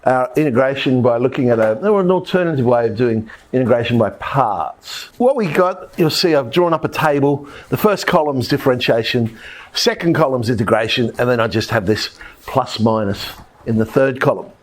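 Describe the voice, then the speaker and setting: A man's voice: mid-range voice, expressive, moderate pace. A man teaching a maths lesson, working through examples step by step and thinking aloud as he writes. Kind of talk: recorded maths lesson at a board.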